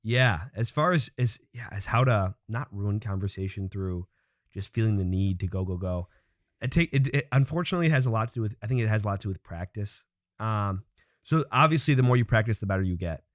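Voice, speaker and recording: A man's voice: lowish voice, expressive, a little fast, no echo, studio quality. A man as a podcast guest, earnestly giving advice in casual conversation and restarting his phrases as he thinks.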